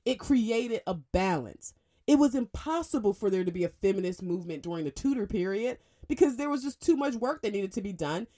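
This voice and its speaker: A woman hosts a radio talk show from a studio, giving an emphatic, opinionated monologue. She is lively, speeding up in bursts and jumping up in pitch to stress her points.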